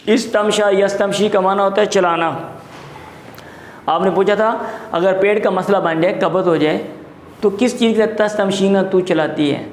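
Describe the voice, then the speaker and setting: A male teacher lectures a class and goes through terms one at a time. His voice sits a little high, and he repeats each word slowly. The room is echoey, with a faint hum underneath. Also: steady tone. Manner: explains words slowly, repeating terms, mixes in Punjabi asides. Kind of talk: classroom lecture explaining vocabulary.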